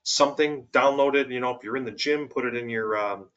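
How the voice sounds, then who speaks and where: A man's voice: mid-range voice, a little fast, a bit bright, lo-fi sound. A man explaining money principles on a webinar, walking through worked examples with emphasis. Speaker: financial executive guest.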